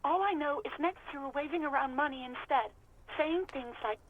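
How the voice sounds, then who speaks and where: A curt radio dispatcher. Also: female voice, sits high, fairly quick. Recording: dull radio sound.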